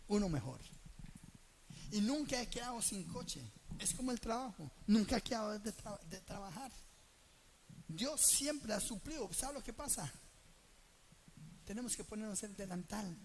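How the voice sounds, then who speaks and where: A man preaching in a high, animated voice at a church gathering. He tells his own story, fires questions at the congregation and acts out the dialogue, with faint noise under the recording. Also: moderate pace, pauses often. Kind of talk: sermon with personal storytelling.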